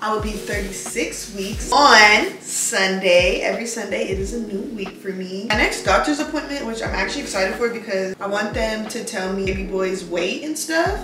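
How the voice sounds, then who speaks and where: A woman's voice: medium pitch, normal speed, few pauses. A pregnant woman chatting casually as a vlogger, laughing often and talking to her viewers. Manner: chatty, laughs a lot, says "y'all" and "like". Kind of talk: casual vlog chat. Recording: echoey room, mic far off, music behind.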